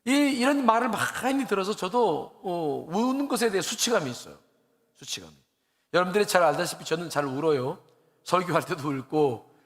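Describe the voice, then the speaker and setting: Earnest Korean pastor preaching in a reverberant church. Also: male voice, high-pitched, fairly bright tone. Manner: earnest and conversational, with rising emotional emphasis; laughs at himself while telling stories. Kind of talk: sermon. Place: church sanctuary.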